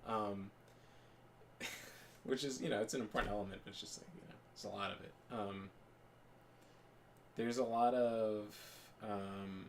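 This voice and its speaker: A young man co-hosting a podcast chats casually while gaming, rambling with lots of fillers and restarts. His lowish voice holds a steady tone at an unhurried pace with long pauses, over slight background noise.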